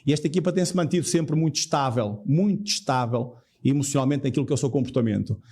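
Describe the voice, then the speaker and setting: Male football coach, European Portuguese accent, mid-pitched mellow voice, measured explanations. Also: husky.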